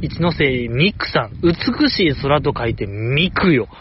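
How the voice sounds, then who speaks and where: A man's voice: medium pitch, very animated, unhurried, dull audio, background noise. A man hosting a casual solo podcast, rambling with enthusiasm as he comments like a fan. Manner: enthusiastic rambling fan commentary, soft self-deprecating jokes. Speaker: podcast host.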